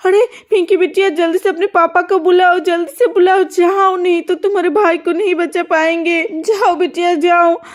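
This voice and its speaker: A woman's voice: extremely high pitch, fairly even intonation, normal speed, hardly any pauses. A woman playing a desperate, tearful mother. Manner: tearful, imploring. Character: desperate young mother begging for her baby. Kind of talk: cartoon voice acting.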